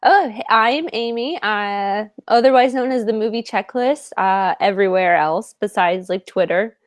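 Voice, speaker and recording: This podcast co-host, a woman in her twenties, has a medium-pitched voice captured cleanly in the studio with no echo. She keeps the chat casual, jokes at her own expense and laughs readily.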